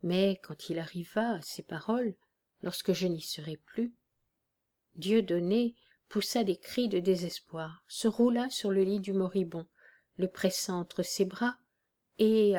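Woman narrator, audiobook, measured reading, low voice, very slow. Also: a little mellow.

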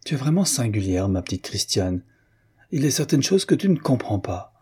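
A man's voice: medium pitch, very animated, moderate pace, darkish tone, husky. A male reader voicing an earnest, status-minded aristocratic husband in a spoken novel.

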